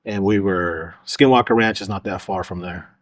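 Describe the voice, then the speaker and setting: On a podcast, a low-pitched middle-aged man from Oklahoma spins casual, rambling stories packed with "uh" and "you know." He talks at normal speed, and the recording has no room sound.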